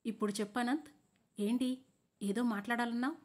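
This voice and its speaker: Woman acting as a crushed young bride-to-be, loud and pleading, high husky voice. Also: steady tone, fairly quick, close to an everyday voice. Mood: anxious. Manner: pleading, rising to loud demands. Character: young woman, heartbroken and quick-tempered fiancée.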